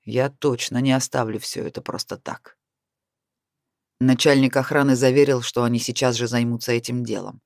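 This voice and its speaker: A man narrating an audiobook in an even, steady reading voice. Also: medium pitch, normal speed, gravelly, no room sound, studio quality. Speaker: audiobook reader.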